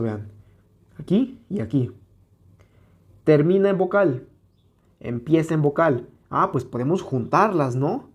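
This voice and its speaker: Casting: man with a Mexican Spanish accent, slightly high voice, patient step-by-step teacher. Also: darkish tone. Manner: patient, explains step by step, checks in with "¿vale?" and "¿ok?"; sounds words out slowly to show syllables. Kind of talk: exam-prep lesson at a whiteboard.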